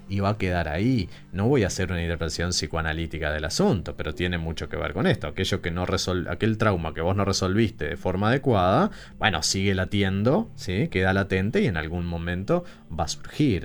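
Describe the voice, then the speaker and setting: Very deep-voiced man hosting radio talk. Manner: reflective, explanatory, uses voseo. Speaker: radio show host. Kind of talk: discussion on a radio program.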